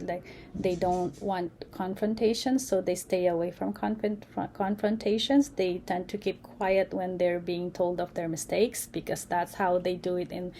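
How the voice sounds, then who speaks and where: Woman presenter, slow and mellow, halting lecture delivery with a faint background hiss. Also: medium pitch. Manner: halting, many fillers and restarts. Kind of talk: unscripted lecture.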